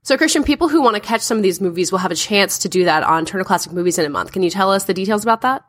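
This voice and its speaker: Fast-talking woman podcast host. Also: medium pitch, expressive. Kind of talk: casual conversational hosting.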